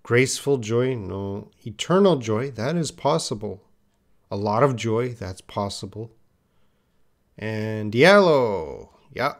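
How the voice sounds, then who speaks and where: A man's voice: fairly low pitch, animated, slow pace. A man teaching English in a live online lesson, patiently reading out viewers' answers and correcting them with repeated example phrases.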